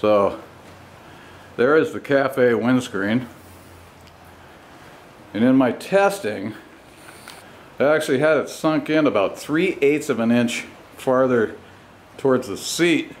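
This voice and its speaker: A man whose voice sits in the mid-range gives loose, unhurried commentary while circling his custom bike, his speech broken into phrases separated by pauses. As a motorcycle vlogger and home mechanic, he records on a handheld camera mic in his home garage with the door open, and the result is noisy, typical of hobby mechanic footage.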